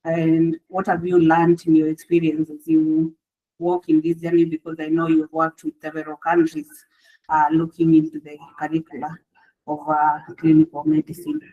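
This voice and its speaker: A woman's voice: low voice, monotone, moderate pace. A woman moderating a panel, asking polite, hesitant questions with many fillers. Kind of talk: panel discussion. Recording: dull lo-fi audio.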